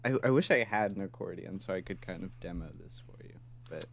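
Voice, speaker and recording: A man's voice: low-pitched, expressive, brisk, creaky, fairly bright tone. Giggly, rambling male podcast co-host. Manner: giggly, rambling, laughs often. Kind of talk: casual podcast chat.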